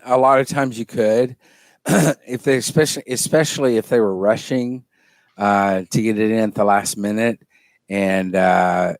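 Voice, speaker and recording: A man's voice: fairly low pitch, no echo. A man, a former admissions director, chatting casually and telling stories with easy fillers. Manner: relaxed storytelling with fillers, clears throat. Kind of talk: casual chat.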